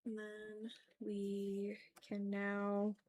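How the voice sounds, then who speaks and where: A woman speaks very slowly in a monotone, medium-pitched voice that is a little mellow. She's streaming herself making art, chatting informally and half to herself, with self-critical muttering directed at viewers too.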